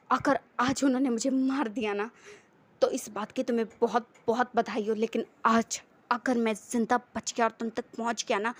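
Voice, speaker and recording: A woman's voice: on the high side, lightly acted. A woman voicing a vengeful male mafia boss who threatens and taunts his enemies. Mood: threatening. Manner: threatening, taunting, shouts in bursts.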